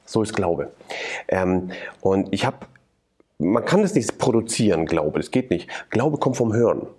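A man's voice: on the low side, very animated, unhurried, a little mellow, husky. A man telling his faith testimony in an interview, earnest and preaching, with many repeated phrases. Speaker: interview guest.

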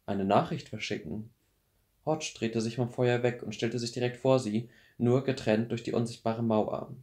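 A man in his twenties calmly reading a novel aloud as a bedtime audiobook. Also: mid-range voice, normal speed. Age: 20s. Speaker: audiobook reader.

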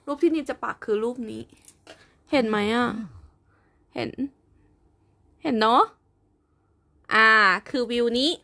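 A woman's voice: a little high, slow, gravelly, pauses often, a bit bright. A young woman chatting casually on a live stream while preparing an embroidery project, giggly and talkative. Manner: chatty and giggly, with frequent laughs and repeated words.

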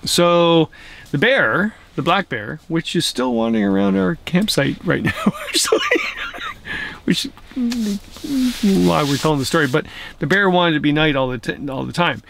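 Filming on a handheld camera at arm's length, a middle-aged man spins a rambling bedtime tale in his tent at night before moving outside to comment on the trail. This camping vlogger chuckles and tells stories with animation. His voice is on the high side and creaky, at a measured pace, with slight background noise.

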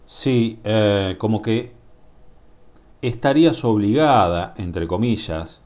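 A man with a Rioplatense Spanish accent reading tarot cards to camera in a musing, drawn-out way, often asking "mm?" to the viewer. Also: fairly low pitch, darkish tone. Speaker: tarot reader. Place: indoors at a table. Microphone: camera above the table, speaker off-screen.

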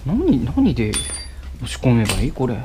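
A young man working on his motorcycle in a cluttered garage offers casual how-to commentary for his motovlog, captured by a head-mounted action camera. He hesitates, uses many fillers and mutters to himself while working. His medium-pitched voice is warm and swoops wildly in pitch, with slight background noise behind it.

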